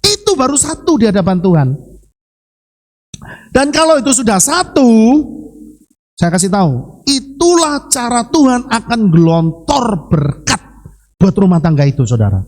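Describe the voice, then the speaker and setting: Male pastor, Javanese accent, lively sermon delivery, rhetorical questions to the congregation, pitch swooping high and low. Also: moderate pace, pauses often. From Central Java, Indonesia.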